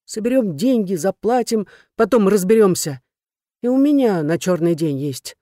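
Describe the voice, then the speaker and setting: A reader voicing a brash, loyal young woman friend who scolds loudly. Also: mid-range voice, animated, normal speed, no echo, clean studio sound, pitched above the performer's own voice, natural voice. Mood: fierce.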